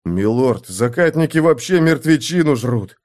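A man's voice: medium pitch, lively intonation, a little slow, a little mellow, natural voice. A man voicing frightened common archers in an audiobook, pleading timidly with their lord. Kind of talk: audiobook character voice.

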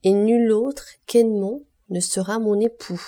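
An earnest, proud young woman in love from a storybook classic, as read by a woman narrator. Her voice is mellow and soft-edged, pressing each word with feeling. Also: medium pitch, fairly even intonation, a little slow, close to an everyday voice. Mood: firm. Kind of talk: audiobook character reading.

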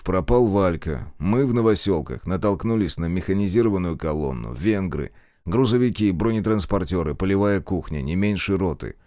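Male audiobook reader, low voice, lively intonation, dry close mic. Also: dry recording. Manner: expressive, measured storytelling. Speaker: audiobook narrator. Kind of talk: scripted narration.

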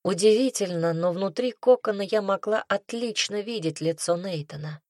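A woman reading a first-person audiobook, telling the story in a lively, ironic way. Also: mid-range voice, moderate pace, no room sound, clean studio sound. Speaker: audiobook narrator.

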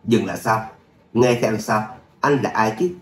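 A man's voice: on the low side, measured pace, natural voice. A man voicing a defiant young fighter who mocks his opponent, in a roomy recording. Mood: scornful. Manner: mocking. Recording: roomy echo, faint hum.

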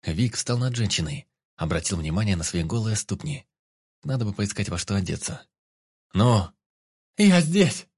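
A male narrator reads a science-fiction audiobook in a low, husky voice. The recording is dry and close, with no room sound. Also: expressive, brisk, darkish tone, dry recording.

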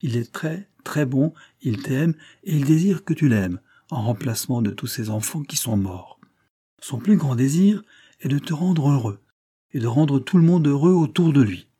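A man reading an audiobook, voicing a gentle, tender young widowed mother speaking to her son. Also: on the high side, level tone, fast talker, hardly any pauses, breathy edge, voice pushed up.

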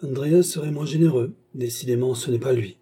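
A man's voice: medium pitch, a little fast, mellow, husky, lightly acted. A man voicing an upright young nobleman, speaking earnestly and urgently.

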